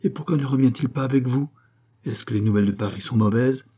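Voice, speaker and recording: A man's voice: medium pitch, fast, warm tone, slightly rough, pitched above the performer's own voice. A man reading an audiobook voices an anxious young farm girl who asks curt, tense questions.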